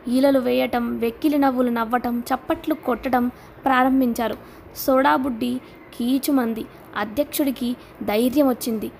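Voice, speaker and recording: A woman narrating a literary novel as an audiobook, in a steady storytelling manner. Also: on the high side, moderate pace, vocal fry, a little hiss or hum.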